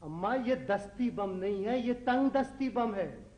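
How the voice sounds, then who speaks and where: An actor playing a vain young poet who talks in an ornate, self-important way. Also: male voice, high voice, animated, measured pace, roomy sound, lo-fi sound, slight background noise. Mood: grandiose. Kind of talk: TV drama acting.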